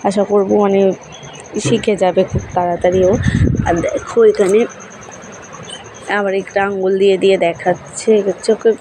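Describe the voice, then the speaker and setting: A woman's voice: mid-range voice, level tone, normal speed, pauses often, background noise. A young woman, narrating her day in a casual, rambling home vlog with many fillers. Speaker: vlogger, housewife.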